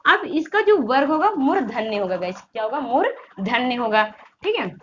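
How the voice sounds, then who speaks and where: Her voice is on the high side, sing-song and a bit bright, as this woman teaches Hindi grammar for competitive exams. Posing questions and answering them herself over and over, she elongates vowel sounds to show how they're made, over dull audio with slight background noise.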